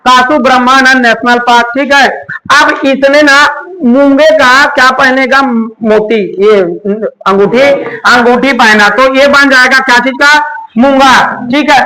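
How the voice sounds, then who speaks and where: A man lectures a class in a loud, call-and-response style, firing questions at his students. His voice sits very high and rings bright and forceful. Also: steady tone, measured pace, poor audio. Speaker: teacher. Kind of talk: classroom lecture with memory tricks.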